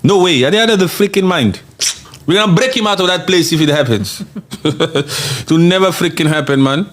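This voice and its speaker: A man with a slightly high voice talks fairly quickly while hosting a podcast. He reads viewer comments aloud in a casual, animated, emphatic way, laughing frequently and repeating phrases for effect.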